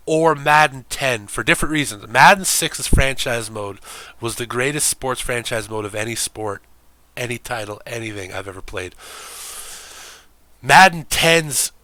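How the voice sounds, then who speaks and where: A man's voice: mid-range voice, pushed and bright, no room sound. A man streaming games, talking in a rambling, profane, casual way and laughing often.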